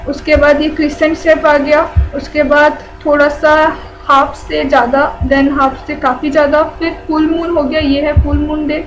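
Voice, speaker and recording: A woman's voice: high voice, noisy background. A woman teaching a general-knowledge lesson, who repeats key terms and asks and answers her own questions.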